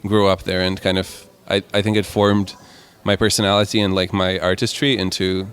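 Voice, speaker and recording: A young man in his twenties from Croatia, answering interview questions in a relaxed, rambling way. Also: deep voice, normal speed, clear, resonant tone. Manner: relaxed, rambling with many "like" and "kind of" fillers. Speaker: musician guest.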